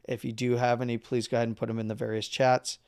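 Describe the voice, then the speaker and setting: A man hosting a live market analysis stream who is losing his voice, talking casually through chart levels with halting fillers and the odd throat-clear. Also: mid-range voice, little pitch movement, a little mellow, no room sound, clean studio sound. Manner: halting, with fillers and number readouts; clears throat and coughs now and then.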